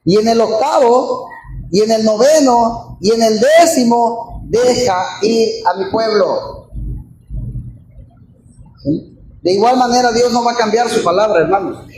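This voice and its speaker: A male pastor delivers an emphatic, repetitive sermon full of rhetorical questions. His voice sits high for a man. The sound is echoey, as in a church hall, with a faint hum of ambience behind it. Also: darkish tone.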